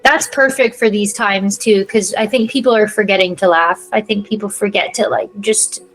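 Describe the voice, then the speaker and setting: A woman's voice: medium pitch, steady tone, moderate pace, poor audio. A woman hosting a casual spiritual podcast chat, gushing and effusive, with many "like" and "you know" fillers. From not Ireland. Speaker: podcast host.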